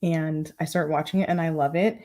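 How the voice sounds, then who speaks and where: A woman's voice: low-pitched, fairly even intonation, brisk, dark tone. A woman hosting a casual live stream from her home, chatty and playful, a little out of breath and calling her viewers y'all. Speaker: style vlogger hosting a live Q&A.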